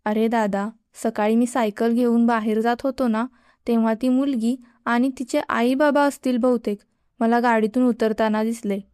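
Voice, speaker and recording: A woman's voice: on the high side, level tone, normal speed, darkish tone, clear, resonant tone, no echo, clean studio sound, close to an everyday voice. A woman voicing a cheeky teenage boy who teases his older brother and boasts. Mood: teasing. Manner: teasing and boastful.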